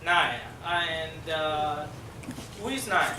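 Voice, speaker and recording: In a noisy, echoey room and captured from a distance, a middle-aged South Sudanese Dinka speaker presents to a class as a guest. He explains hesitantly, pausing often with fillers, in a voice a little higher than typical for a man.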